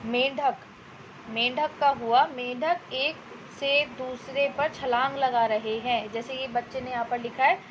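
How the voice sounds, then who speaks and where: A woman teacher patiently explaining a worksheet to children step by step, checking in often and slowing down to dictate example sentences. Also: fairly high pitch, muffled recording, background noise. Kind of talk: Hindi worksheet lesson for children.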